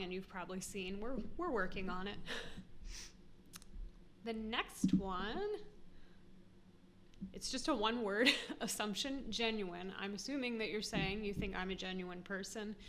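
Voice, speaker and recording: A woman's voice: medium pitch, a bit bright, slight background noise. An American woman vlogging to camera, chatty and self-deprecating, often laughing. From United States. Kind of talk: casual talk to camera.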